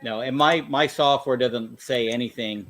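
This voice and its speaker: A man's voice: medium pitch, moderate pace, a bit bright. A man hosting a casual livestream chat about his comic collection, often stammering and restarting his sentences.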